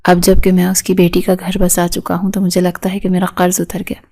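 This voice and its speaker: A woman voicing a middle-aged male family patriarch in a storybook reading, in a calm, even way. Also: fairly low pitch. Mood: content.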